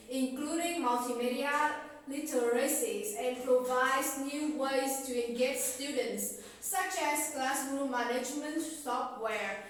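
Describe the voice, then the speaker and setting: A woman English teacher whose first language is Vietnamese, reading a lesson text aloud with steady, careful delivery. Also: high-pitched. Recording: echoey room, voice far from the mic.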